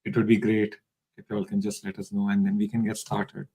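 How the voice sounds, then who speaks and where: A man's voice: on the low side, monotone, a little fast, gravelly, warm tone, husky, low-quality recording. A man hosting a live online session, welcoming viewers and reading out their comments over a video call. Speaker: live-stream host.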